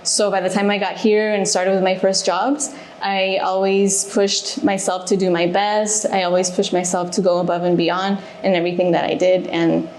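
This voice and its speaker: A woman originally from Mexico but raised in Alaska, Spanish being her first language, answers casual interview questions as a guest who works as a reservations manager. Her medium-pitched, darkish voice moves little in pitch, and she speaks thoughtfully, pausing with fillers. The echoey room carries faint ambience and slight background noise.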